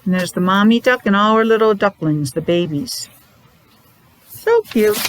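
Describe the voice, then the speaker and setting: Reading a picture book to young kids, a woman teacher breaks in with short, simple, repetitive explanations, in the manner of a preschool or special-needs teacher. She sounds animated, with a mid-range voice at normal speed, on a low-quality recording with slight background noise.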